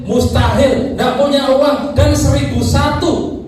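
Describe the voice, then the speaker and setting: A man giving a booming motivational speech as a seminar speaker, exhorting his audience with rhetorical appeals. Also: fairly even intonation, slow, noisy background. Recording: echoey hall, distant mic, music behind.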